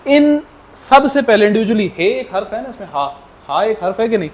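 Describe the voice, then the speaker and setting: Speaking fairly quickly with big swings in pitch, this man's voice sits high. He's an Arabic teacher running a language class, echoing questions to students and drilling their answers while talking to them as if they were children.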